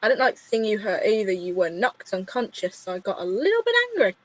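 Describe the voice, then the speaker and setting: A woman's voice: mid-range voice, big pitch swings, fairly quick, a little mellow, lo-fi sound, voice pushed down. A woman voicing a fussing, pleading young captain. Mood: pleading, caring.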